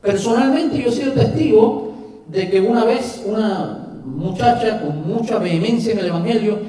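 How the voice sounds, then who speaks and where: Cuban-accented male preacher, conversational sermon, high-pitched, booming church echo. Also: normal speed, mellow. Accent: Cuban Spanish. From Cuba. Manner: conversational, with asides and rhetorical questions. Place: church hall. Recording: echoey hall from far off.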